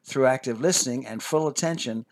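A man hosting a scripted parenting talk, measured and expressive, sometimes dropping to a whisper for emphasis. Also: medium pitch, slight background noise. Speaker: host, family counselor.

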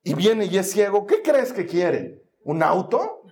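Speaking unhurriedly in a high voice, this preacher brings Bible stories to life with drama and animation. His sermon is sprinkled with jokes throughout.

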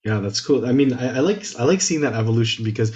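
A man's voice: medium pitch, expressive, quick pace, darkish tone. A man from Canada chatting casually as an interviewer, asking rambling, slangy questions. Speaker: interviewer, host.

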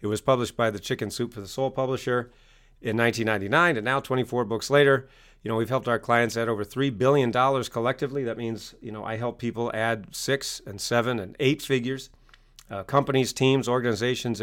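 A man's voice: medium pitch, fairly even intonation, a little fast, a bit bright, clean tone. A middle-aged American man telling his story as an interview guest, emphatic and fond of repeating phrases like a motivational speaker. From Maine, United States. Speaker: guest, success coach and author.

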